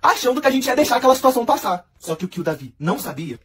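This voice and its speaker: A teenage boy telling a funny school story in an animated, dramatic way. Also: very high-pitched, slightly rough. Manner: animated, dramatic, rapid narration. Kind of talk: fast comic school storytelling.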